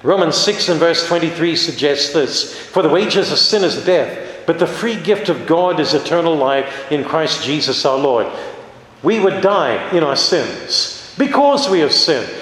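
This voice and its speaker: A man preaching a sermon, animated, with rhetorical questions and dramatic stress on key words. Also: fairly high pitch, measured pace. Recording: very echoey hall with long reverb.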